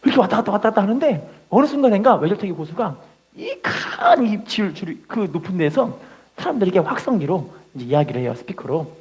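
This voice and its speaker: A woman pastor preaching a Sunday sermon in Korean, telling stories with lively acting and having the congregation repeat scripture. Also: medium pitch, brisk, husky. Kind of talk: sermon with storytelling.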